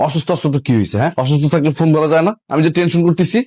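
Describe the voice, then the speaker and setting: A man's voice: fairly high pitch, fairly even intonation, racing, a little mellow, no room sound, studio quality, natural voice. An actor playing a possessive young boyfriend who questions his girlfriend with demanding, accusing words. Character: possessive young man, jealous and hot-tempered. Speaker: jealous boyfriend. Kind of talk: Bangla TV drama acting.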